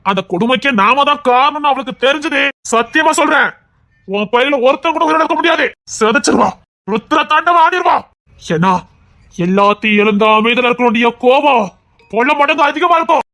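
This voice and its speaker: A man reading an audio story, voicing a blunt, fiercely loyal royal priest who urges and warns his old friend, rising to loud outbursts. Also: very high-pitched, animated, brisk, voice pushed up, exaggerated voice. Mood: warning. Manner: urgent, warning, grows loud.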